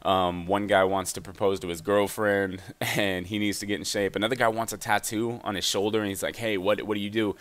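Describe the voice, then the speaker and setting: A young man chatting casually over gameplay, giving fitness and nutrition advice in an energetic voice-over. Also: fairly low pitch, brisk, hardly any pauses.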